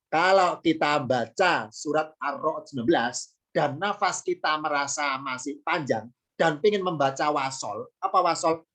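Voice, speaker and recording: A man's voice: a little high, fairly bright tone. A man with an Indonesian accent giving an online lesson on Quranic Arabic grammar, posing questions and answering them himself, with light jokes. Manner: explanatory, asks and answers his own questions, light joking. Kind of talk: online lecture.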